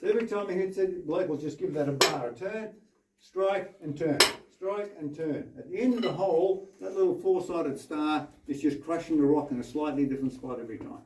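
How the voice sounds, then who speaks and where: A man's voice: a little high, quick pace, hardly any pauses. A man working as a mine tour guide, explaining step by step in a demonstrative way inside an underground tunnel, recorded at some distance on a camera mic. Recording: echoey, noisy tunnel, voice off from mic.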